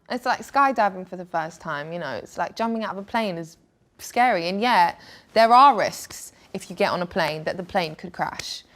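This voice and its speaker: Animated northern English woman. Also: medium pitch. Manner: blunt, animated storytelling. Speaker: guest singer-songwriter. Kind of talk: casual interview chat.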